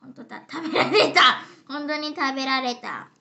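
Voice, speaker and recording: A woman's voice: high-pitched, normal speed, creaky, bright, forceful tone. A young girl casually reviewing candy at a home table, chatty and giggly, now and then slipping into English phrases. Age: child.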